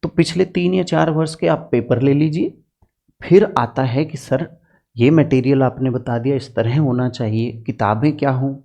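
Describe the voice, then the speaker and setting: A man's voice: mid-range voice, normal speed, gravelly, warm tone. A man teaching political science exam strategy in an earnest, direct lecture, using homely farm examples to make his points.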